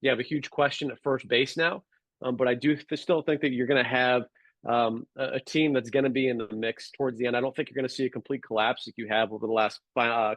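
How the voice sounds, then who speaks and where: A man talking sports as a podcast guest, measured and analytical, with frequent fillers and restarts. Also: mid-range voice, a bit bright, no echo, rough recording. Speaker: guest sports radio producer. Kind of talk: casual sports podcast chat.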